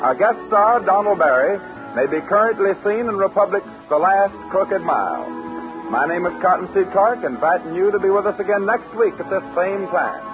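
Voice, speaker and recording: A man's voice: high-pitched, expressive, moderate pace. A man with an American accent announcing a 1940s radio variety show. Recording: dull vintage radio broadcast, music behind.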